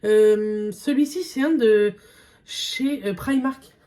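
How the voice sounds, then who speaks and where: Speaking slowly in a slightly high voice with a dark tone, this young woman vlogger runs through a makeup test. Her chat is casual, hesitant, and peppered with fillers, typical of a beauty vlog.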